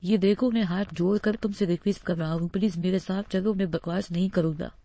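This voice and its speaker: A woman's voice: fairly low pitch, steady tone, brisk, warm tone, dry recording, close to an everyday voice. A woman voicing a cheeky, persistent young man in a playful, coaxing way while reading a romance novel. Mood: teasing.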